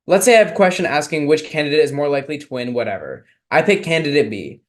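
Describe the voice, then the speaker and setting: A man's voice: a little high, lively intonation, fast talker. A young man from Texas, giving a casual, filler-heavy online lecture on speech and debate with questions from listeners.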